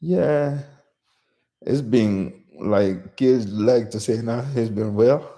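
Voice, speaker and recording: A man's voice: medium pitch, slow pace, warm tone. A man from Guinea hosting his first casual solo live stream, talking off the cuff with many restarts and "you know". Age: middle-aged. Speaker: channel host.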